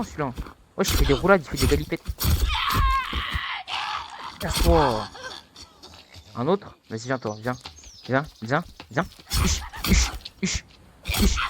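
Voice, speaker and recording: A young man giving casual let's-play commentary, taunting and excitable, with sudden high-pitched yelps. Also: moderate pace, pauses often, shouting, heavy background noise. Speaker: gaming youtuber.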